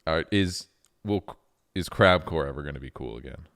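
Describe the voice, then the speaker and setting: A man's voice: extremely low pitch, a little fast, fairly bright tone. A man hosting a podcast, asking questions in a laid-back, casual way and swearing freely. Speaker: podcast host. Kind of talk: casual chat.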